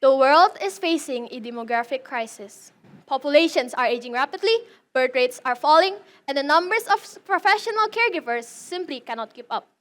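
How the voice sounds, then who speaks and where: A woman's voice: high-pitched, expressive, a little fast, fairly bright tone. A woman in her late teens, a student defending her senior thesis, delivering a prepared speech with dramatic rhetorical questions.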